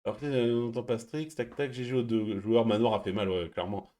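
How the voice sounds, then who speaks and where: A man hosting a stream, chatting casually and reading viewer messages, speaking quietly and laughing often. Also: mid-range voice, steady tone, a little fast. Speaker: stream host.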